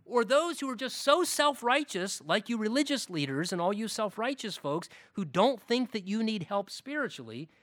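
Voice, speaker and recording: A man preaching a sermon as pastor, emphatic and animated, building his points through long lists of phrases. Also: high voice, moderate pace, few pauses, no echo.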